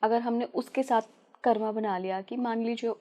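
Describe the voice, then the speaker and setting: A woman hosting a podcast interview asks long, carefully built questions. Her voice sits a little high but sounds mellow and soft-edged. She addresses her guest politely as ma'am. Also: fairly even intonation, normal speed.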